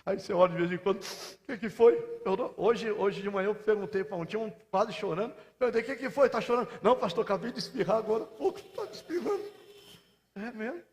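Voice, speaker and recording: A man with a Brazilian Portuguese accent preaching a sermon as pastor, fervent, moving between soft intimate asides and loud shouted passages. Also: sits high, quick pace. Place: large church hall. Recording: long church hall reverb.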